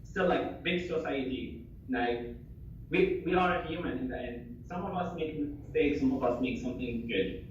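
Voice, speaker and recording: Over an echoey, distant video call from his home in Germany, a young refugee from Syria, once an assistant doctor, gives an earnest, casual interview in English, his first language being Arabic, with plenty of fillers and restarts. His voice sits at medium pitch and a moderate pace. The sound is lo-fi with slight background noise.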